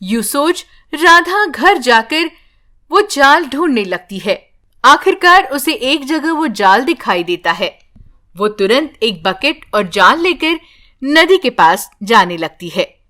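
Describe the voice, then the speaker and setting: Female storybook narrator, slow, calm, high-pitched.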